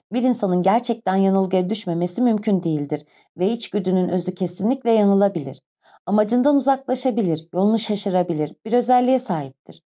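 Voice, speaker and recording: A woman narrating an audiobook in a calm, even storytelling manner. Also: mid-range voice. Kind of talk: scripted narration. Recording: dull lo-fi recording.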